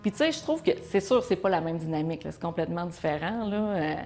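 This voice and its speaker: A woman's voice: on the low side, animated, fast, darkish tone, soft background music. Thoughtful woman support worker. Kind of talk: interview answers.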